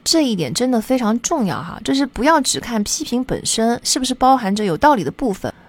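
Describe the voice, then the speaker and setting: A woman hosting a solo podcast on psychology, talking in an earnest, chatty way with lots of soft sentence particles as she gives advice. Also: fairly high pitch, big pitch swings, a little fast. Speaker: podcast host.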